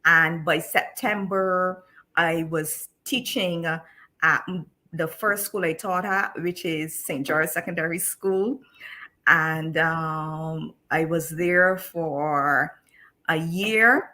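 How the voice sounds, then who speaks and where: A woman's voice: deep voice, takes it slowly, bright, forceful tone. Chatty woman teacher from Barbados. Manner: chatty, with many restarts. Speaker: guest teacher. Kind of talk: live-stream interview.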